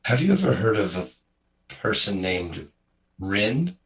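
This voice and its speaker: A formal, polite droid in a tabletop game, voiced by a man. He speaks in a measured, courteous way with a fairly low voice. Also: very animated, a bit bright.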